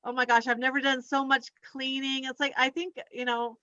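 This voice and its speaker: A stand-up comedian who is also a chiropractor delivers a rambling, conversational set in a high, bright, forward voice, though her delivery stays flat. She speaks haltingly, drifts from one thought to the next, and giggles at her own lines. The dry recording sounds slightly dull and lo-fi.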